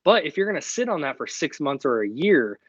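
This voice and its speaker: A man's voice: a little high, very animated, brisk, a bit bright, breathy edge, no room sound, muffled recording. A young man hosting a live online Q&A, talking casually and directly. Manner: casual and direct, chatty with fillers. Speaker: host of a live Q&A stream.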